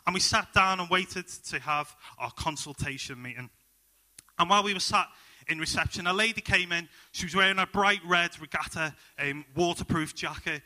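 A man's voice: high-pitched, moderate pace, pushed and bright. A young man with a Liverpool accent preaching a sermon full of personal stories, upbeat and jokey, with plenty of ums.

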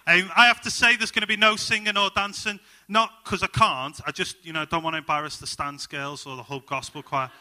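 Man, Liverpool accent, young adult, preacher, casual sermon, jokey, fairly high voice. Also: fairly even intonation, brisk, hardly any pauses, pushed and bright. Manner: chatty, jokey and upbeat, many ums. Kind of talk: sermon with personal stories.

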